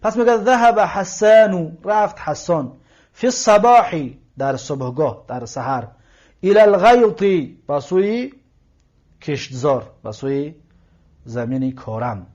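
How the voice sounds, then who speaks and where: A man with a somewhat high voice gives a patient grammar lesson. He walks through a text word by word, translating, parsing and repeating phrases. The recording sounds dull and lo-fi. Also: animated, a little mellow. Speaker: Arabic teacher. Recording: lo-fi muffled recording.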